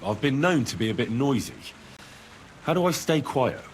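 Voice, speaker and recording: An actor playing a polite, inquisitive young medieval hero asking for advice in a video game. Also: male voice, mid-range voice, animated, moderate pace, a little hiss or hum, natural voice. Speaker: game protagonist.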